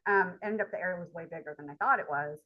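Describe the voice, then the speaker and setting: A woman's voice: lowish voice, fast, muffled recording. A woman college instructor, telling a rambling personal story in a casual lecture, with lots of filler words. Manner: chatty, rambling, heavy use of filler words.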